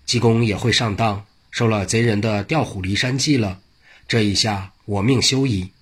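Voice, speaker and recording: A worried court official who speaks humbly and fears for his life, as a male storyteller puts him on. He talks in a low, husky voice. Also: fairly even intonation, normal speed. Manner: deferential, worried.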